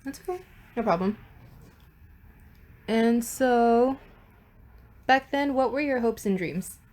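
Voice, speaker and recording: A woman's voice: on the high side, takes it slowly, a little mellow. A young woman conducting an oral history interview, asking questions tentatively with many fillers.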